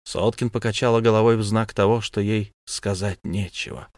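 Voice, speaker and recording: A man narrating an audiobook in a measured, grave reading. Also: lowish voice, fairly even intonation, darkish tone, dry recording, clean studio sound. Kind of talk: scripted storybook narration.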